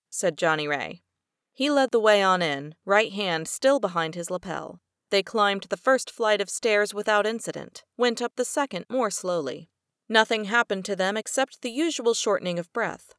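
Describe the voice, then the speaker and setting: A woman narrating a crime story as an audiobook reader, in a steady storytelling manner. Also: medium pitch, no room sound, studio quality.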